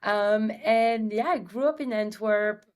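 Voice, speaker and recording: A woman from Belgium with a Belgian accent, a company's CEO and guest on an interview podcast, telling her story in a lively way with many filler ums. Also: mid-range voice, a little slow, clear, resonant tone. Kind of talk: casual interview chat.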